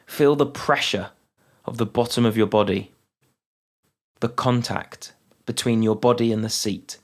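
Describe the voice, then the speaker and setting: A man guides a mindfulness meditation in a mid-range voice, talking calmly and without hurry, leaving long pauses between his phrases.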